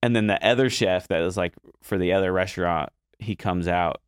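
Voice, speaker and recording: A man's voice: low voice, brisk, clear, resonant tone, no room sound, studio quality. A young man telling a kitchen story in casual talk, acting out his panic in a raised voice. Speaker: guest chef.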